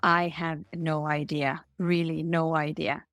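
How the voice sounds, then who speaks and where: A middle-aged Norwegian woman with a Norwegian accent, appearing as a guest, answers interview questions candidly and upbeat over a remote call. Her voice is deep, slow, a bit bright, with little pitch movement, no echo, and faint music behind.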